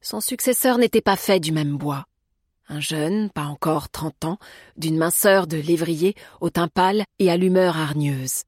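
A woman reading an audiobook as narrator, in a calm, measured way. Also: low-pitched, husky, no room sound, studio quality. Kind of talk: scripted narration.

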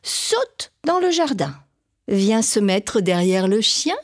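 Expressive woman telling a children's story. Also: mid-range voice, slow pace. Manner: expressive, repetitive, sing-song. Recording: background music.

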